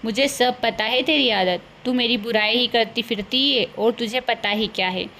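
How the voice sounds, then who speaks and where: A woman's voice: fairly high pitch, normal speed, pushed and bright, a little hiss or hum. A woman voicing a scolding, greedy older village mother-in-law in a cartoon, bossy and scornful. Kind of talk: cartoon voice acting.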